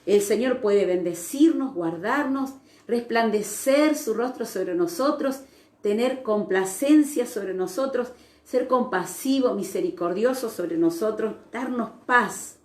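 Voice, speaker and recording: A woman preaches a sermon in a slow, unhurried delivery. Her voice sits somewhat high and carries a roomy echo. She pauses often and reflects as she goes. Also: expressive. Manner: slow, reflective with frequent hesitations. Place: church service streamed online.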